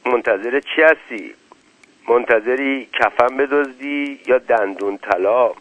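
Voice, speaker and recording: A man's voice: medium pitch, dry recording, close to an everyday voice. A man voicing a tough, mocking male gambler who leads the game with curt commands. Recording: tinny phone-like, dry.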